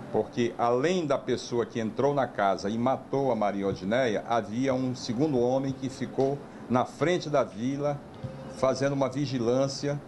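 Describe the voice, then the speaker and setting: A man speaks as a police chief, laying out the case in measured, official sentences at a middle pitch. Clear background noise runs under his voice, as in a news field recording. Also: a little mellow. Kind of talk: press statement.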